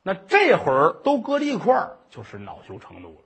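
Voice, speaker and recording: A man telling a traditional Chinese story in a dramatic, animated way. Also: sits high, fairly quick, vocal fry, slightly rough. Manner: animated, dramatic, many voices.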